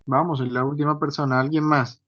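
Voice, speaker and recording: Male lecturer, checks in often, slightly high voice, muffled call mic. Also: level tone, fairly quick, fairly bright tone, no room sound. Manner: frequent checking tags like "¿sí?". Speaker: university lecturer. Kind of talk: online class lecture. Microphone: computer mic on a video call. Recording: dull lo-fi online call audio, dry.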